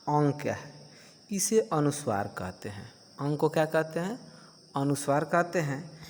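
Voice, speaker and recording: A man teaching children in a slow, patient way, often asking a question and then answering it himself. His voice sits a little high for a man. The sound has a long hall reverb, with faint crickets behind. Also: slight background noise. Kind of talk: Hindi grammar lesson for children.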